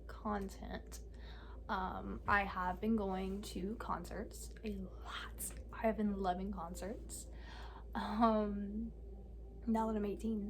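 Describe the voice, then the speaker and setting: An eighteen-year-old woman talking candidly in a casual vlog, halting often with fillers and pauses. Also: medium pitch, vocal fry, a little hiss or hum. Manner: candid and soft-spoken. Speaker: vlogger. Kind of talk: casual personal vlog talk.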